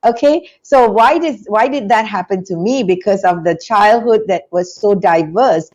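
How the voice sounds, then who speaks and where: Appearing as a guest on a video-call interview, a middle-aged Singaporean woman who founded a business school recounts her life story into a lapel mic in a small room. She speaks at a moderate pace in a mid-range voice, storytelling animatedly with hand gestures.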